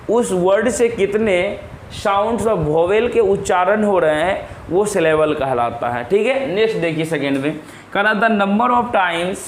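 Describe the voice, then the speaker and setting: A young adult man teaching a lesson, explaining step by step and asking rhetorical questions. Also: high-pitched. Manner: repeats key words and asks rhetorical questions. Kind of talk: classroom-style explanation. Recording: echoey room with faint noise.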